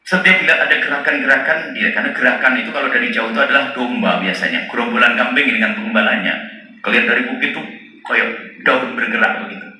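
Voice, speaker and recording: A male preacher telling a story in a sermon, animated and acting out the characters as he goes. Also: medium pitch, fast, slight background noise. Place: large hall at a religious boarding school gathering. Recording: echoey hall, heard from a distance.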